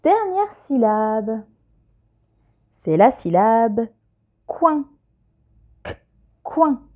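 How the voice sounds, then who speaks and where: A woman teacher, giving a patient, clear dictation lesson to young children and spelling letters one by one. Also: medium pitch, lively intonation, slow pace, mellow. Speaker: primary school teacher.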